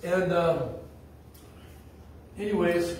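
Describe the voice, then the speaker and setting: Preaching very slowly in a high, somewhat mellow voice, this pastor shares stories bluntly and folksily. He's recorded from a distance in an echoey church sanctuary, with a touch of hiss or hum.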